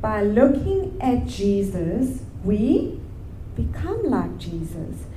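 Woman co-hosting a church talk, reads bible verses, super slow and mellow, roomy echo. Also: medium pitch, very animated, a little hiss or hum. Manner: measured, explanatory, reads verses aloud. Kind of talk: teaching with scripture reading. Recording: echoey room.

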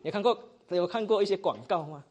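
A male preaching instructor from Malaysia teaches a class in Malaysian-accented Mandarin, his voice sitting high and moving at a quick pace. He's animated and chatty, often ending phrases with "哈."

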